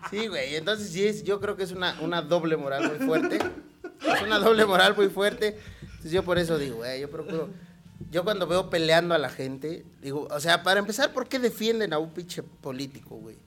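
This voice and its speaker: A man's voice: high-pitched, sing-song, fairly quick. A man with a Mexican accent, joking crudely in a casual comedy chat and acting out quotes. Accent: Mexican Spanish. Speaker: podcast host.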